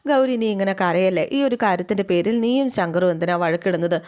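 A woman's voice: fairly low pitch, fast talker, a little mellow, natural voice. A woman voicing a kind older sister-in-law who comforts and reassures. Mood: consoling. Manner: soothing, reassuring.

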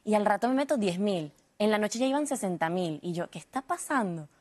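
A young woman from Venezuela, a guest in a TV interview, talking in a lively way with fillers and restarts. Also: mid-range voice, brisk. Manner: lively, laughs often, full of fillers and restarts. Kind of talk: TV interview, switching between imitated accents.

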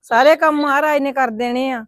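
A high-voiced, lamenting mother, played by a woman, full of worry for her daughter. Her tearful complaints sound close and dry. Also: fairly even intonation, moderate pace, fairly bright tone, no echo. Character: worried middle-aged mother, sorrowful and protective. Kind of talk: family web drama acting.

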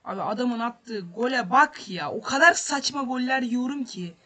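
A man's voice: extremely high pitch, moderate pace, sharp tone. A man hosting a gaming channel, commenting on his football game as he plays, frustrated, swearing and repeating himself. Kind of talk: let's play commentary.

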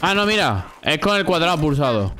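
A man's voice: a little high, sing-song, fairly quick, bright, forceful tone. A young man with a Spanish accent giving casual, chatty live commentary while he plays a shooter, swearing freely and talking to himself and his chat. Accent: Spanish (Spain). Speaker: gaming streamer.

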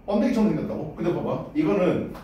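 Male English teacher, casual drilling style, high animated pitch, echoey distant room recording. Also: fast talker, a little hiss or hum. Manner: casual, drills words aloud, asks "됐냐?" often. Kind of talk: classroom pronunciation lesson. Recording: roomy echo, voice far from the mic.

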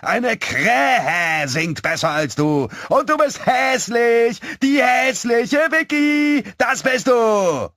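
A man voicing a foul-mouthed evil little boy who hurls shrill, drawn-out taunts in a storybook reading. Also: lively intonation, fairly bright tone, no echo, clean studio sound, exaggerated voice. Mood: jeering.

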